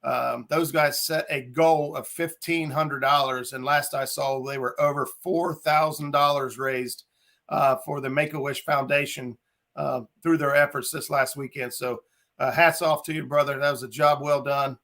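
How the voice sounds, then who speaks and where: A man's voice: mid-range voice, fairly even intonation, moderate pace, fairly bright tone. A man hosting a casual fishing chat show, talking in a friendly, filler-heavy way and greeting viewers by name. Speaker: podcast host.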